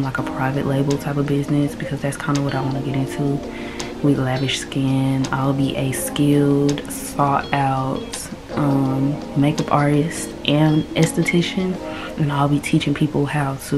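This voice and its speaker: A woman in her early twenties chatting casually to camera in a relaxed, slangy way. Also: extremely low pitch. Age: 20s. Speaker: vlogger. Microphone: phone camera.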